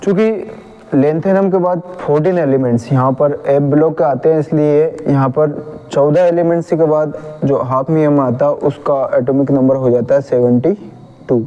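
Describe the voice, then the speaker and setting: A man's voice: on the high side, steady tone, normal speed, warm tone, muffled recording. A man with a Hindi accent teaching chemistry, patiently repeating a memory trick and correcting his own slips.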